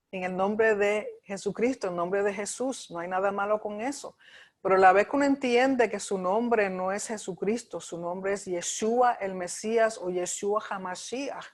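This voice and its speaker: Woman pastor at mid pitch, lecturing a class, poses questions and answers them herself. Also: a little mellow. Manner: explanatory, asks and answers her own questions. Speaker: pastor teaching a discipleship class. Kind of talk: teaching class.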